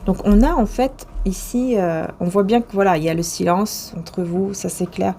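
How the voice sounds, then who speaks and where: A woman's voice: mid-range voice, normal speed, warm tone, slight background noise. A woman reading tarot cards to the viewer in a casual, rambling way, with many hesitations and restarts. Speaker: tarot and oracle card reader.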